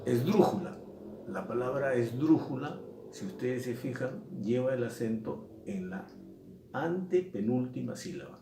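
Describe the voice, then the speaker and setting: A male teacher, explaining a lesson slowly and repeating and stressing key words. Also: mid-range voice, gravelly, mellow, slight background noise. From Peru. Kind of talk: recorded lesson. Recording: echoey room, mic at a distance.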